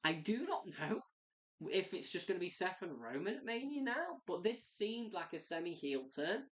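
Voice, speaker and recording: Low-pitched woman reviewer, chatty and excitable, rambles freely. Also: normal speed. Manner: excitable, rambling, many "like" fillers. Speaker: wrestling reviewer. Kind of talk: casual spoken review.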